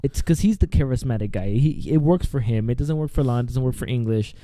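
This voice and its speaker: A young man co-hosting a wrestling podcast talks in a chatty, eager way, often restarting his sentences. His voice is very dark and mellow. It is recorded dry and close on a desk microphone. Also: medium pitch, fast, no room sound. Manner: chatty, enthusiastic, repeats words while thinking. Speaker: podcast co-host. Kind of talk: casual wrestling podcast chat.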